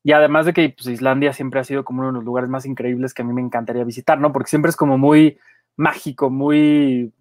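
A man's voice: medium pitch, steady tone, quick pace, darkish tone, no echo. Enthusiastic Mexican man, dry close sound. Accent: Mexican Spanish. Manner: enthusiastic, uses slang. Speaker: podcast co-host. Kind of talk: casual chat.

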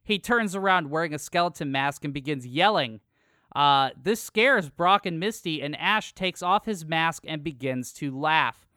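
A man's voice: fairly high pitch, animated, measured pace, bright, forceful tone, smooth, no room sound, studio quality. A man co-hosting a podcast, recapping an episode from a script with jokey asides. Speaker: podcast co-host. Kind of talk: casual recap chat.

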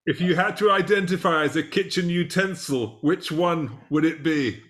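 A man's voice: fairly high pitch, moderate pace, a bit bright. A man hosting a casual interview in a bantering manner. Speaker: interview host.

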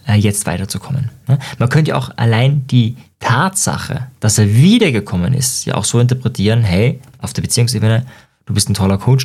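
A man's voice: fairly low pitch, gravelly, slightly rough. A man hosting a podcast, explaining communication ideas to the listener with examples and joking asides. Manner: lively, uses quick asides and tongue-in-cheek jokes. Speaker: podcast host and coach.

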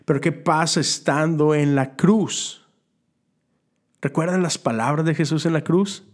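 A man's voice: a little high, measured pace. A man gives a conversational sermon as a Methodist preacher, asking rhetorical questions and adding casual asides.

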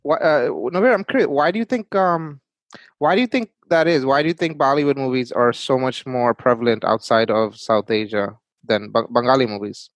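A man's voice: medium pitch, moderate pace, no room sound. A man from Bangladesh hosting a casual interview, asking curious questions. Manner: curious, asks many questions. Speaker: interview host.

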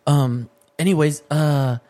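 A man's voice: a little high, steady tone, takes it slowly, warm tone. A middle-aged man hosting casual podcast banter, full of bro slang and joking, slipping between English and Spanish. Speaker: podcast host.

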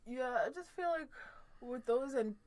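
A woman's voice: high voice, animated, unhurried, a little mellow. A woman chatting casually and animatedly as a podcast co-host, giggling often and swearing offhandedly. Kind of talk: casual chat.

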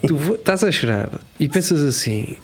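A man with a European Portuguese accent talks in an easy, casual chat. He is animated and slangy, laughs often and slips into little acted voices. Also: a little high, normal speed.

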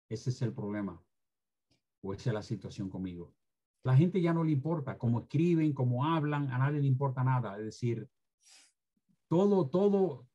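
Strict, emphatic man with a dark, husky voice. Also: mid-range voice, lo-fi sound. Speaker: former Spanish teacher. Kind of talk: interview, opinionated commentary on language.

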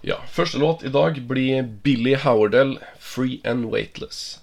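A man's voice: mid-range voice, gravelly, a little mellow. A man, the show's DJ, chatting casually with dry, understated remarks. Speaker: radio DJ and co-host. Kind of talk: casual radio chat.

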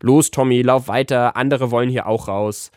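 A man's voice: mid-range voice, steady tone, moderate pace, darkish tone, clean tone, no echo, clean studio sound, natural voice. A man voicing a bossy, know-it-all girl in a storybook, teasing and strict by turns, with a raised voice. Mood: stern. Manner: teasing, then stern and bossy.

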